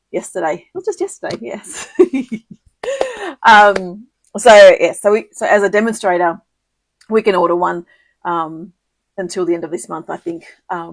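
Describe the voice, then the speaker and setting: A woman hosting a casual live crafting tutorial, chatty and giggly, with many ums and quick self-corrections. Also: lowish voice, dry recording. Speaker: papercraft demonstrator hosting a live video.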